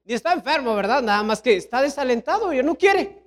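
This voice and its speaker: A middle-aged man with a Mexican accent, preaching a sermon as pastor, telling lively stories and tossing rhetorical questions at the congregation. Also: fairly quick. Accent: Mexican Spanish. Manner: animated storytelling preacher, sweeping pitch swings, rhetorical questions.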